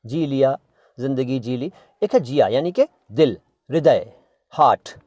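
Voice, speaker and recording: A man with an Indian Hindustani accent runs a relaxed video lesson on vocabulary. He playfully repeats words to correct how people say them, slipping in snatches of old songs. The sound is close and dry. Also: medium pitch, unhurried, dry recording. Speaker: language teacher and channel host. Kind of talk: casual video lesson on Hindi and Urdu words.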